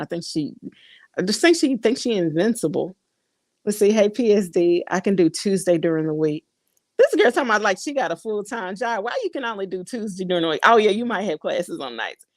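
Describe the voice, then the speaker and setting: Low-voiced woman chatting to viewers. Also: no echo. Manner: chatty, reads comments aloud, laughs often. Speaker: vlogger. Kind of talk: casual chat to viewers.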